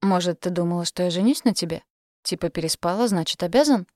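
A man's voice: high-pitched, normal speed, darkish tone, dry recording, studio quality, natural voice. A woman voicing a rude, impatient young man who talks harshly and mockingly to his girlfriend.

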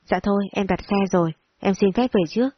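A woman's voice: medium pitch, fast talker, muffled recording, a little hiss or hum, natural voice. A woman voicing a proud young secretary. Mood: cool politeness.

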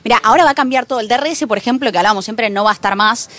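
A woman's voice: on the high side, fairly bright tone. A woman, a co-host who explains motor racing facts in casual radio chat. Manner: fast, fact-heavy explaining. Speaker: co-host, Formula 1 specialist.

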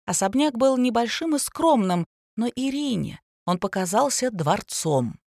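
A woman narrating an audiobook in a steady, expressive storytelling manner. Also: on the high side, unhurried, creaky, dry recording, clean studio sound. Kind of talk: scripted narration.

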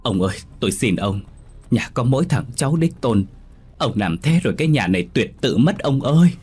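A man's voice: medium pitch, very animated, fairly quick, darkish tone, husky, soft background music, pitched above the performer's own voice. A man voicing a grieving old grandmother who wails and cries out. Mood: wailing. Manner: wailing, sobbing.

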